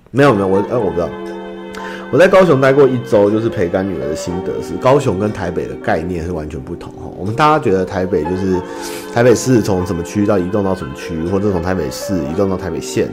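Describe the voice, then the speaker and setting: A man with a Taiwanese Mandarin accent hosts a casual podcast, answering listener letters as a rambling, self-mocking storyteller. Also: lowish voice. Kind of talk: casual chat.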